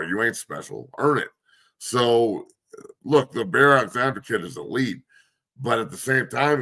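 A man's voice: fairly low pitch, fairly bright tone. A man hosting a sports talk show, breaking down football schemes in a blunt, profane, coach-like way while losing his voice.

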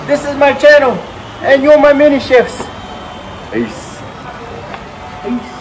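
Excitable high-voiced man vlogging in a car. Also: takes it slowly, slight background noise, poor audio. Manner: playful, excitable, keeps saying "bro" and "huh?". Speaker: YouTube vlogger host. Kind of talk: casual vlog chat. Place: in a car at a car wash. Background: loud music.

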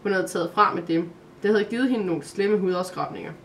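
A woman narrating a Christmas calendar story aloud, in a calm, steady way. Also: medium pitch, slight background noise.

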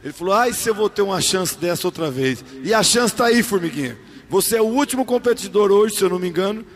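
A man's voice: high-pitched, lively intonation, fast, crowd noise. A middle-aged man with a Brazilian accent analysing rodeo rides live, explaining emphatically in colloquial speech. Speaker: rodeo commentator, former rider. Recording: music behind live commentary. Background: music.

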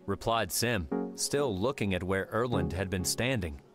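Male narrator for an audiobook, steady delivery, lowish voice, music underneath. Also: unhurried. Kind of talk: scripted narration.

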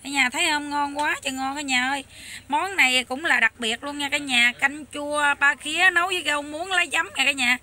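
A young woman with a Southern Vietnamese Mekong Delta accent, chatting loudly and eagerly to viewers while she cooks in a rural hut kitchen. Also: sits high, fairly even intonation, brisk. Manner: loud, chatty, enthusiastic, talks over noisy kids. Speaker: cooking vlogger. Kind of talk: casual cooking vlog chat.

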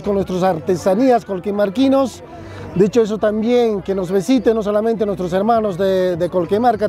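A man's voice: sits high, mellow. A man, a municipal official at an outdoor fair giving an earnest press interview, listing items and adding tag questions. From southern Peru.

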